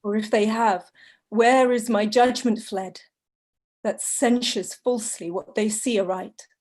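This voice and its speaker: A woman's voice: a little high, steady tone, measured pace, a little mellow. A woman reciting a sonnet in a reflective manner.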